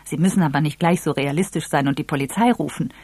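A reader voicing Eve, an excitable and impulsive young woman, with an eager, affected manner. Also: quick pace, slightly rough, dry recording, close to an everyday voice. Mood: excited. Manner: eager, wheedling, high and affected.

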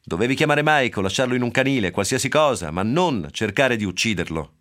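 A man reading aloud, voicing an angry young father who scolds in a bitter, forceful tone. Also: mid-range voice, animated, fairly quick, voice pushed up, lightly acted. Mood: scolding.

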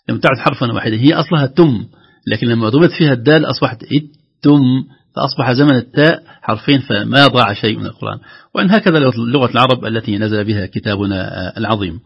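A man gives a tajweed lesson in a husky, breathy voice at a middle pitch. He explains each rule patiently and then recites the examples slowly and more loudly. The sound is dull and lo-fi, like a broadcast. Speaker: Quran recitation teacher.

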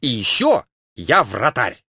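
A man's voice: huge pitch swings, slow, gravelly, sharp tone, husky, no echo, exaggerated voice. A man doing a whining, silly patient. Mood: smug. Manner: whining, sulky, high-pitched wails. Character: whiny boastful male asylum patient, cowardly and silly.

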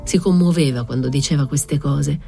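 A woman narrating a literary novel aloud in a measured, reflective way. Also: low voice, gravelly, dark tone, soft background music. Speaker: audiobook reader.

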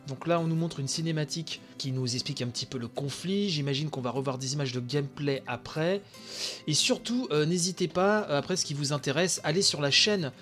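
A tired man with a young son hosting a games channel, giving excited live reaction commentary late at night, with lots of fillers and outbursts. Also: on the high side, brisk, soft background music. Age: adult with young son. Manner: excitable, chatty, many fillers. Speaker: video game channel host.

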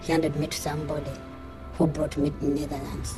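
A woman in her thirties from Africa, giving a recorded interview in halting, simple phrases, her voice disguised by being pitched down deep. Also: flat delivery, music in the background. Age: 30s.

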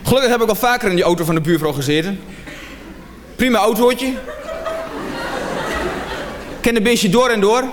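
A man performing a mock-confessional comic monologue, rising to excited shouts. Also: high voice, very fast, hardly any pauses, echoey room, background noise. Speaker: comedian.

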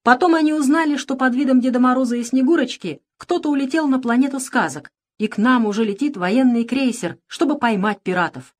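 A woman voicing a scheming, bossy pirate queen in an audiobook, sharp and commanding, turning sugary when she flatters. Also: sits high, a little fast, few pauses, pitched above the performer's own voice. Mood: domineering. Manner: bossy, sharp, feigning sweetness. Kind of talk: audiobook character reading.

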